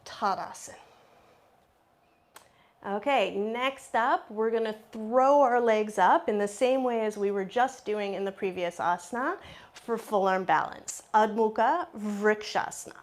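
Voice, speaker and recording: A woman's voice: medium pitch, unhurried. A woman teaching a yoga class, cueing poses with short repeated commands and checking in with her students, at times out of breath. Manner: encouraging, checks in with "okay?". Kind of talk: live yoga class instruction.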